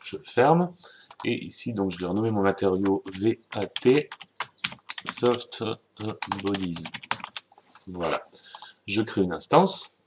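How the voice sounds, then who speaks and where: Brief: French male tutor, lowish voice, informal screen-recorded lesson, soft keyboard and mouse clicks behind. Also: lively intonation, takes it slowly, pauses often, slight background noise. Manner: informal, chatty, self-correcting, addresses viewers directly. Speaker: software tutorial instructor.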